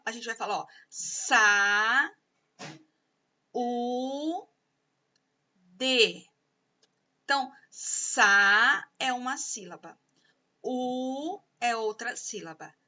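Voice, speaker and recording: A woman teacher with a Brazilian Portuguese accent, giving a video lesson for children, explaining slowly and carefully, sounding out syllables. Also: fairly high pitch, bright, forceful tone, dull audio.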